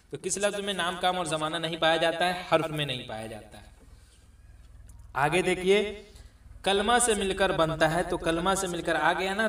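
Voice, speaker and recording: A man teaches an exam grammar lesson, patiently explaining each point and putting repeated questions to his listeners. His voice sits slightly higher than most men's. The sound is echoey and a little distant from the mic. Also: a bit bright. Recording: echoey room, voice somewhat off-mic.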